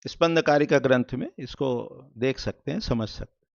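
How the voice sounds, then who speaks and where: A man's voice: mid-range voice, moderate pace, vocal fry. Man giving a muffled lo-fi lecture. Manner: explains step by step, asks and answers own questions. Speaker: vastu teacher. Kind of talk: explanatory lecture. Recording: muffled lo-fi recording.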